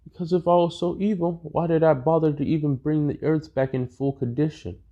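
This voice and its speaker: A man voicing a smug, cruel male alien tyrant who draws out his threats slowly. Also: on the high side, little pitch movement, dull audio, pitched above the performer's own voice, close to an everyday voice. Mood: condescending. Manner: slow, drawn-out threats.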